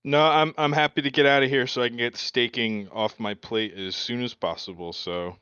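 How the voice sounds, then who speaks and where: Measured man on a dull, dry mic. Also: medium pitch, fairly even intonation, bright, forceful tone, smooth, no echo. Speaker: team member. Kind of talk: casual online voice chat.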